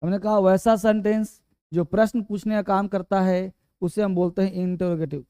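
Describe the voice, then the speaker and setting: A man teaching an English grammar lesson, talking slowly, repeating key words and quizzing his students. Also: high voice, steady tone, warm tone, smooth, no room sound, clean studio sound.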